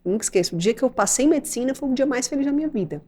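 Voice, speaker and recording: Brazilian lady doctor hosting a podcast, warm mellow voice, acts out her stories. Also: high-pitched, very fast. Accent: Brazilian Portuguese. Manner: animated storyteller who acts out scenes. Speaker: podcast host, doctor and mother. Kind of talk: casual podcast conversation.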